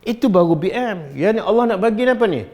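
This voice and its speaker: A middle-aged man speaks with a Malaysian Malay accent, leading a religious study lecture. He keeps throwing questions at his listeners and teasing them along. His voice sits somewhat high, and it leaps up and drops low as he makes each point. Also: quick pace. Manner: animated, asks the audience questions, teasing. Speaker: religious teacher.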